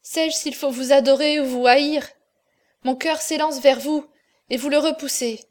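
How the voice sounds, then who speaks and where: A woman reading an audiobook, voicing a distraught noble mother who pleads through sobs in a raised, louder voice. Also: high-pitched, fairly even intonation, measured pace, voice pushed up. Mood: pleading. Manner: pleading, sobbing.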